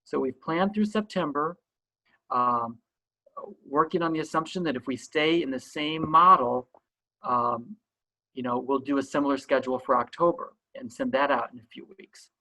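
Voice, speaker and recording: A man's voice: medium pitch, normal speed, sharp tone, low-quality recording. A man gives an online school orientation as principal, explaining things in a reassuring way.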